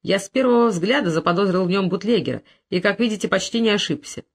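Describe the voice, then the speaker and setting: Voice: mid-range voice, lively intonation, fast. A domineering, wealthy husband who is scornful and aggressive toward his rival, voiced by the audiobook reader. He snaps and sneers, pushing his words hard. It is a tense confrontation in an audiobook. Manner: aggressive, contemptuous.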